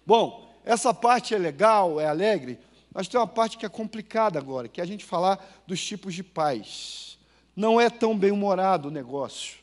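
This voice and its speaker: High-voiced Brazilian pastor preaching. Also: male voice, normal speed. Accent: Brazilian Portuguese. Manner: storytelling, lively swings between loud and hushed; addresses the congregation with questions. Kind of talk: sermon. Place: church.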